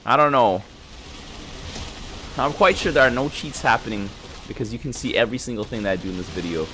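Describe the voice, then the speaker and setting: A man with a stuffy nose giving casual, rambling gameplay commentary, chatting with his viewers and breaking into surprised excitement. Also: mid-range voice, brisk, slight background noise. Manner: laid-back, rambling, chatty with viewers as "boys". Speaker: gaming YouTuber. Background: game music and sound effects.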